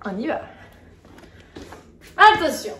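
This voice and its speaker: A woman's voice: high voice, sing-song, slow pace, a bit bright, a little hiss or hum. Upbeat woman coaching a workout. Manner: upbeat, counts reps, checks in on listeners. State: moving while exercising. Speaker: fitness coach. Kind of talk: live workout instruction. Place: indoor room with a window. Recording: echoey room, mic at a distance.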